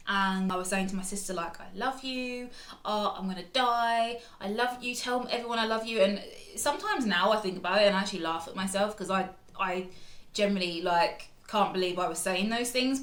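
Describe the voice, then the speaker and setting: A young British woman with a medium-pitched, fairly bright voice tells a dramatic storytime in a vlog, chatty and full of fillers. The room she's in sounds echoey.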